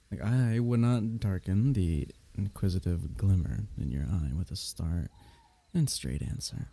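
With an exaggerated voice, a man takes on the role of an affectionate court diviner in a fantasy ASMR roleplay. His tone is low, very dark, and mellow, with gravelly fry around the edges. He speaks haltingly and softly in courtly, teasing words, adding soft chuckles.

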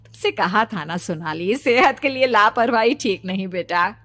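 A woman narrator voicing a caring mother who gently scolds her daughter in a soothing tone. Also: mid-range voice, expressive, moderate pace, no echo, lightly acted. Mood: concerned. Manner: soothing, mildly reproachful. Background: background music.

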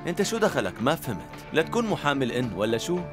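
A man's voice: medium pitch, big pitch swings, very fast, over music, lightly acted. A man dubbing a cheeky teenage schoolboy who mocks a classmate in a TV drama. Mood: mocking. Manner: teasing, giggling. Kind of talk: dubbed TV drama.

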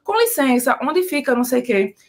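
A woman with a Brazilian Portuguese accent leads a relaxed lesson in a fairly high voice. She explains each point clearly and drags words out when she shows how they sound. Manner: explanatory, slows down to model pronunciation. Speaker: language teacher. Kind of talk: casual video lesson.

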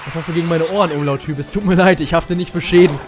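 A young man streaming and commentating a tennis video game for his chat in a casual, jokey way, with sudden excited shouts. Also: on the high side, fast talker, over music.

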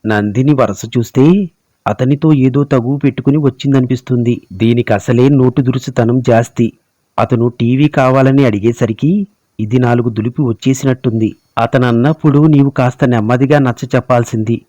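Man reading a family story aloud, dark-toned. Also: mid-range voice, steady tone, normal speed, no echo, lo-fi sound. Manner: reads all characters' dialogue in his own voice. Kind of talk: scripted story narration.

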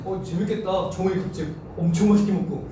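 A man's voice: high voice, fast. A young man in a casual group livestream chat, playful and joking, recorded by a camera across a large room. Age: young adult. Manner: playful, joking, mock English phrases. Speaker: idol group member. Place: large room at a long table with bandmates. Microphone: far camera. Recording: echoey room, distant mic, noise.

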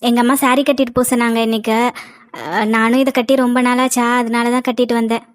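A woman's voice: on the high side, fairly even intonation, fast talker, lightly acted. A woman voicing a chatty young cartoon girlfriend. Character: chatty young female college friend. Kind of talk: cartoon voice acting.

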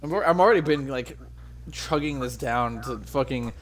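A man's voice: medium pitch, moderate pace. A man streaming a game, chatting casually and rambling, swearing a lot and mocking himself. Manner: profane, rambling, self-mocking. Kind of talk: casual gaming stream chat. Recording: steady background noise.

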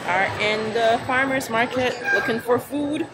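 A woman's voice: fairly high pitch, unhurried, over a noisy crowd, very noisy. A young woman narrating a travel vlog in a chatty, upbeat way, talking to a handheld camera. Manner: chatty, upbeat, laughs easily. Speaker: travel vlogger. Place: car, restaurants and outdoor park. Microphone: handheld camera at arm's length.

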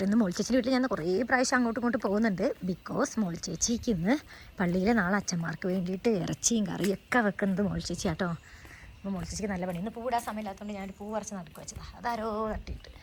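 A woman's voice: medium pitch, very fast, darkish tone. A young woman chatting casually as a vlogger, teasing and talkative. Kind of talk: casual vlog narration. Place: outdoors and at home. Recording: noisy outdoor phone recording.

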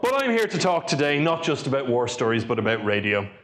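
A man's voice: medium pitch, very animated, fairly quick, a bit bright. A man with an Irish accent giving a lightning talk at a tech meetup, telling stories in a dry, joking way. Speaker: conference speaker.

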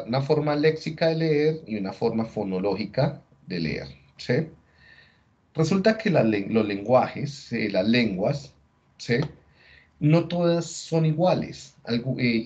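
A man giving a class lecture, explaining step by step, often pausing to check in with his listeners and rephrasing himself as he goes. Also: mid-range voice, darkish tone. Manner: restarts and rephrases mid-sentence. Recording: dull lo-fi audio.

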